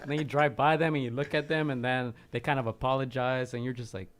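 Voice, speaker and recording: A man's voice: medium pitch, steady tone, fast. Easygoing male podcast host. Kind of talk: casual interview talk.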